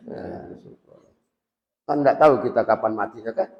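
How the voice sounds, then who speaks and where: A man's voice: mid-range voice, moderate pace. Man, religious teacher, informal lesson, talks with students, asks them questions, reverberant hall, muffled lo-fi recording. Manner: conversational, quizzes students directly. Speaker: Islamic boarding school teacher. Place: boarding school prayer hall. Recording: echoey hall, dull lo-fi sound.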